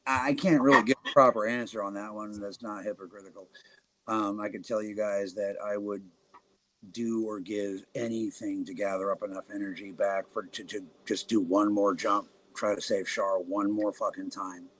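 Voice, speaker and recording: A man's voice: fairly low pitch, level tone, moderate pace, a bit bright, slight background noise, rough recording. A man on a podcast explaining his ideas earnestly, often restarting his sentences. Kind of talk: casual podcast chat.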